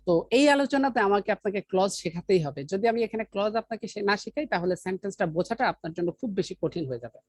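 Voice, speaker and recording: Brief: a woman teacher, mid-pitched, dry close sound, walks the class through each rule and quizzes them. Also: expressive, a little mellow, breathy edge, dry recording. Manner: explains step by step, asks the class questions; reads example sentences very slowly. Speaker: English teacher. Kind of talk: online grammar lesson.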